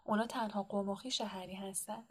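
A woman voicing a calm, wise old male wizard headmaster in an audiobook, speaking softly and without hurry. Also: medium pitch, breathy edge, close to an everyday voice. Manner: calm, soft, unhurried. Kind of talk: audiobook character reading.

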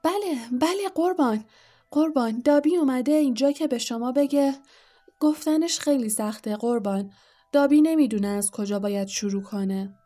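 A woman voicing a small, timid male house-elf servant in an audiobook, with a high, shrill, squeaky voice and a self-abasing, groveling way of talking. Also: mellow, lightly acted. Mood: emotional. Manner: self-abasing, calls everyone sir, talks of himself by name. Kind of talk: audiobook character voice.

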